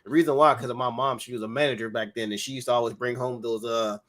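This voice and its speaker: A man's voice: medium pitch, steady tone, fast talker, a bit bright, slight background noise. A man in his thirties co-hosting a gaming podcast in a casual, chuckling chat. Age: 30s. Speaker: podcast co-host.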